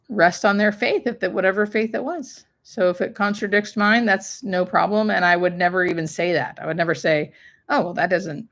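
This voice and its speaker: A woman's voice: lowish voice, fairly bright tone. Female hospice nurse, live-stream host, informal conversational delivery with plain explanations. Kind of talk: casual live-stream chat answering viewer questions.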